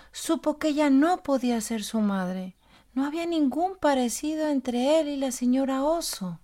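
A woman hosting a parenting program, reading a children's story aloud in a gentle storytelling manner. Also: fairly high pitch. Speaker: host and storyteller.

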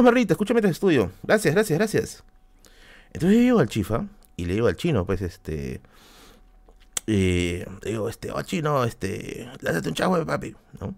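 Lima guy on his stream rambling through a story, lots of slang and swearing, voice jumps up and down. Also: lowish voice. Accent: Peruvian Spanish, Lima. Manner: slangy, swearing, many fillers. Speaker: live-stream host. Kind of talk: casual anecdote on a live stream.

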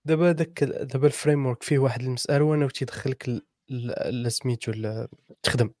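A man's voice: medium pitch, fairly even intonation, fast, darkish tone, no echo, clean studio sound. A man with a Moroccan accent giving advice in a casual discussion, explaining with stumbling repetitions.

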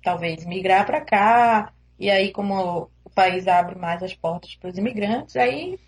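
A woman's voice: medium pitch, takes it slowly, slight background noise. A young woman from Recife with a Pernambuco Brazilian accent, chatting as an interview guest over a remote call, hesitant and laughing easily. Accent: Pernambuco Brazilian Portuguese. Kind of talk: casual interview chat.

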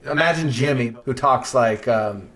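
A young man co-hosting a podcast, in the middle of his range for a man. He talks in a thoughtful, earnest way, restarting words and letting phrases sink quietly at the end. The talk is relaxed and conversational. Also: medium pitch, moderate pace. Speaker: podcast co-host. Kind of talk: casual chat.

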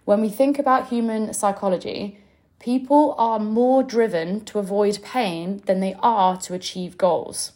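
On her own podcast, a young adult business coach teaches through a casual monologue, chatty and direct with some mild swearing. She speaks unhurriedly in a mid-range, slightly mellow voice.

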